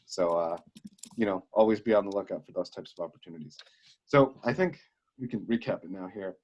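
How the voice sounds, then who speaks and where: Young man, husky and low, chatty co-host voice full of fillers. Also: fairly quick, a little mellow, lo-fi sound. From Wisconsin. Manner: chatty storyteller, many fillers. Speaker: podcast co-host. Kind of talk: casual chat.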